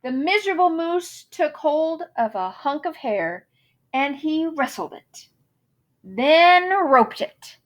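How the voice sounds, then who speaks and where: The storybook reader's voice is high-pitched with lively intonation, and she reads slowly. Taking on a children's picture book in a theatrical style, she delights in the rhymes and wordplay, punching them with dramatic emphasis.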